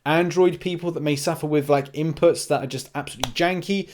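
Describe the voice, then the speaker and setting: A gaming video host with a slightly high-pitched, darkish voice offers casual, unscripted game news commentary at a fairly quick pace. He rambles a little as he thinks aloud, often dropping into short, clipped asides.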